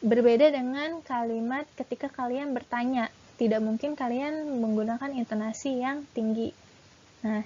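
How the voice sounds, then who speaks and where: A woman's voice: on the high side, a little mellow, dull audio. A woman teacher giving a lesson, listing points one by one with a few fillers. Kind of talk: classroom lesson talk.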